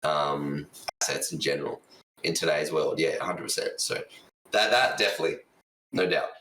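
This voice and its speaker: Laid-back congested guy, very deep voice, sounding echoey and distant through a camera mic; faint room ambience. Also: moderate pace, pushed and bright, slight background noise. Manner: laid-back, agreeable, repeats 'a hundred percent'. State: congested, tickly throat. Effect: echoey room sound, heard through camera mic far from him. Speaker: podcast guest, full-time content creator. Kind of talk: casual chat.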